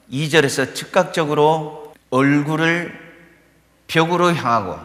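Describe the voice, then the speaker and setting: A man preaching a sermon as pastor of his church, building to fervent peaks and dropping low between them. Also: a bit bright. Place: church sanctuary. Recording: echoey church hall reverb.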